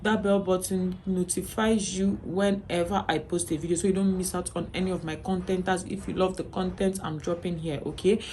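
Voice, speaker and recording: A woman's voice: fairly low pitch, fairly even intonation, moderate pace, few pauses, mellow, a little hiss or hum. A Nigerian woman vlogging as a mother, talking earnestly to her viewers and often checking in with "okay?". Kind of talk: personal vlog to camera.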